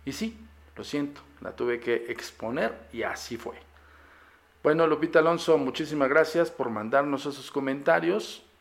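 A man's voice: on the high side, moderate pace, creaky. A man with a Mexican accent, hosting a paranormal podcast and bluntly lecturing his listeners in a casual monologue. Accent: Mexican Spanish.

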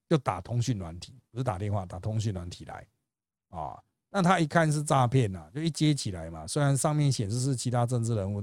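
A male podcast host with a Taiwanese Mandarin accent chats through funny stories, laughing often and swearing casually. His pitch leaps up and down all the time. The sound is dry and close. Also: a little mellow, dry recording. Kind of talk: casual storytelling chat.

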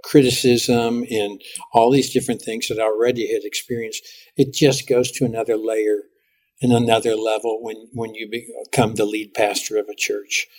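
A middle-aged man, a pastor, talking as a guest in a podcast interview and telling lively stories with frequent restarts. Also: lowish voice, moderate pace. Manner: animated storytelling with lots of restarts.

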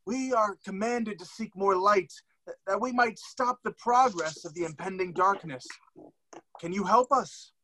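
A man's voice: high-pitched, a little slow, sharp tone, a little hiss or hum, low-quality recording. A man playing an earnest questing hero who speaks in mock-formal tones that slip into plain talk.

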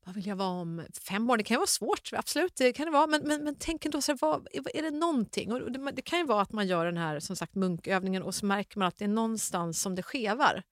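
A middle-aged woman, an author as interview guest, telling a personal story in a lively way, laughing often and acting out dialogue. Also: mid-range voice, few pauses, dry recording. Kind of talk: personal storytelling in a podcast chat.

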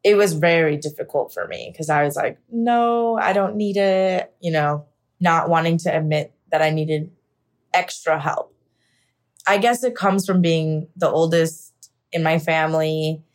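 Speaking in a low, unhurried voice, a young adult actor from the United States tells her personal story in an interview. She's candid and reflective, and her monologue is full of casual fillers.

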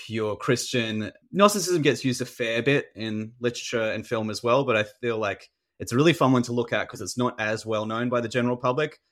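A man's voice: medium pitch, a bit bright. A man, talking casually and animatedly as an author guest in an interview, with many filler words.

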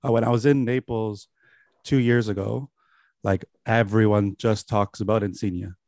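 A man chatting about soccer on a podcast, slangy and animated. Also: lowish voice, normal speed, no echo, studio quality. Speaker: podcast co-host. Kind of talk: casual sports chat.

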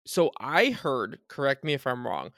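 A man's voice: medium pitch, sing-song, moderate pace, vocal fry, a bit bright, no room sound, clean studio sound. A man from Bulgaria hosting a podcast interview over a video call, chatty and enthusiastic, asking long rambling questions. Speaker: podcast host. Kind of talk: casual interview chat.

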